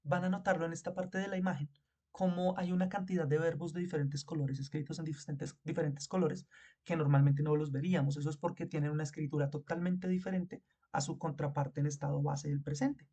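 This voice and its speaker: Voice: mid-range voice, fairly even intonation, fairly quick, dark tone. A teacher explaining grammar step by step in a video lesson, asking the listener for agreement and spelling words out letter by letter. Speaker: English teacher.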